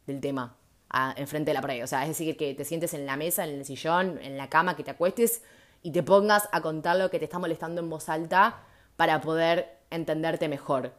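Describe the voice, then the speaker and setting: A woman with a Rioplatense Spanish accent hosting a solo podcast, speaking earnestly and conversationally and putting rhetorical questions to her listeners. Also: lowish voice. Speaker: podcast host. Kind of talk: reflective solo podcast talk.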